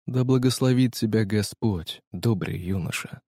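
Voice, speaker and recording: A male narrator voicing an old bishop who speaks in a calm, solemn, measured way. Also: medium pitch, no room sound, studio quality, natural voice.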